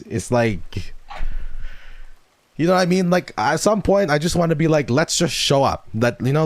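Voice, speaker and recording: Swearing without restraint, a streamer chats casually with his viewers, his voice leaping between low mumbles and excited, high-pitched yelps. The recording has no echo.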